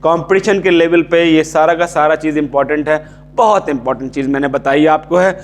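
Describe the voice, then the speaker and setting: Higher-voiced Indian man teaching English grammar. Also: fairly quick. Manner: repeats key terms, checks in with "ठीक है". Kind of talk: casual classroom lecture.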